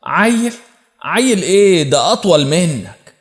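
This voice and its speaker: Sneery flirty egyptian stepmom voice, goes way up high, guy narrator putting her on. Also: animated, natural voice. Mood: mocking. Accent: Egyptian Arabic. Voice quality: mocking, drawn-out sneer. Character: scornful, flirtatious middle-aged stepmother.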